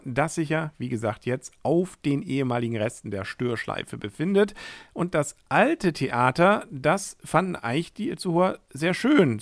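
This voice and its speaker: Chatty German radio podcast host. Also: male voice, mid-range voice, no room sound, clean studio sound. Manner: chatty, wry asides. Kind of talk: scripted local history talk.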